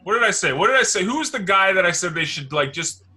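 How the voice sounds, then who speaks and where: Brief: male sports-show host, higher-pitched, very bright tone, loose rambling chat. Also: big pitch swings, fast. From Canada. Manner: loose, rambling, swears casually.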